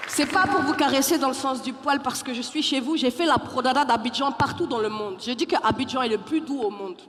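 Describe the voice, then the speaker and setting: Animated woman stand-up comedian on stage. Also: high-pitched, a little fast, crowd noise, noisy background. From Paris suburbs, France. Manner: animated, switches into character voices. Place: large theater hall. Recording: live stage recording with hall reverb.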